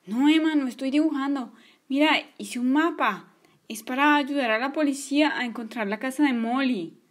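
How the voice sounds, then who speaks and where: A woman voicing an earnest young boy in a toy story, thinking aloud slowly. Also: high voice, natural voice.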